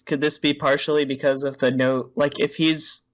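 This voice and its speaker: A young man joining a casual podcast chat, thinking out loud and asking questions. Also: a little high, flat delivery, normal speed. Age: young adult.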